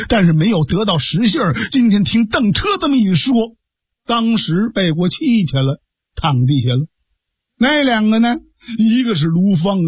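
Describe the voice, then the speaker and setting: High husky male storyteller. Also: dry recording, clean studio sound. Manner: animated, vivid sound effects in speech. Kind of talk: traditional Chinese storytelling (pingshu).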